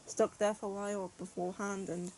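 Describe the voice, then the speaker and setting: Casual reviewer, woman, chatty and rambling, mid-pitched, faint hiss behind. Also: flat delivery, fairly quick, warm tone, rough recording. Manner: chatty, rambling, frequent "like" and "yeah". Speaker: manga reviewer.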